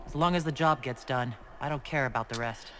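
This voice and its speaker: A voice actress playing a tough, brave female game hero with a warm yet tough voice and a blunt, matter-of-fact delivery. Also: a bass voice, brisk, a little hiss or hum. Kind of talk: video game character dialogue.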